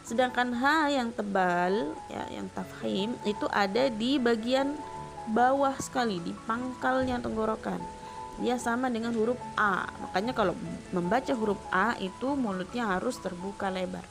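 A woman's voice: on the high side, moderate pace, vocal fry. A woman teaching Quran recitation rules, patiently demonstrating each sound by repeating it. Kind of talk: tajwid lesson with spoken demonstrations. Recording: background music under voice.

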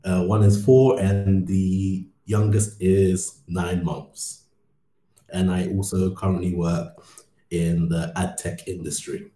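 A man from Ghana introduces himself in a relaxed, slightly halting way. His voice is very low and dark, with a roomy echo. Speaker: podcast guest. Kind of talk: casual self-introduction.

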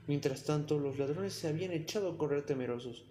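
A man reading a fairy tale aloud in an even, expressive storyteller manner. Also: a little high, brisk, slight background noise. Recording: long hall reverb.

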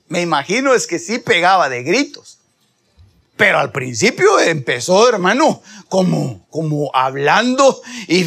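A man preaching a sermon, calling his listeners brother and swinging from hushed near-whispers to loud, impassioned shouting. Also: high-pitched. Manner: calls the listeners "hermano", acts out voices in the story.

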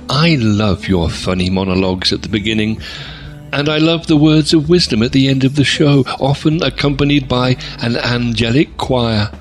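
A man playing a self-absorbed, pompous stand-in radio presenter, earnest and deliberate in a scripted comic monologue. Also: mid-range voice, lightly acted.

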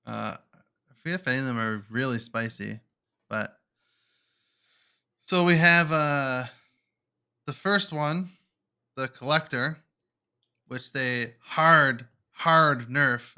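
This is a man with a very bright, sharp-edged voice, talking casually as a podcast co-host. He sounds easygoing and laughs readily. His pitch sits in an ordinary middle range. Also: a little slow, pauses often, smooth. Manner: laid-back, laughs often, drawls out quoted reactions. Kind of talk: casual gaming chat.

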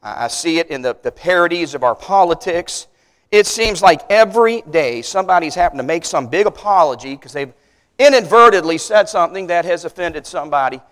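A man, a pastor preaching a sermon, telling stories with big loud peaks and then dropping low to drive a point home. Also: fairly quick, in a large hall. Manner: animated storyteller, rising loud on punchlines, then dropping low.

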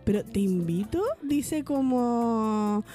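A woman's voice: fairly high pitch, animated, slow, over music. A Chilean woman co-hosting a podcast, chatting with playful, teasing banter. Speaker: podcast co-host. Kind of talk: casual chat.

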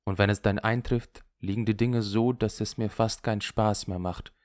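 A male reader voicing a restless, tearful young woman in an audiobook, raising his voice and pitch for her. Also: steady tone, normal speed, a little mellow, no room sound, close to an everyday voice. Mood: weary. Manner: raised, emotional voice for a female character. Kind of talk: audiobook character voice.

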